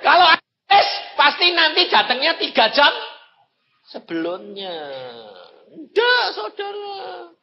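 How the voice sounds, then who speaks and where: A man preaches a sermon, spinning a humorous personal story. His voice sits fairly high and leaps from shouts down to low asides. The recording is dull and lo-fi, with faint noise behind him. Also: sing-song, slow pace. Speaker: evangelist preacher.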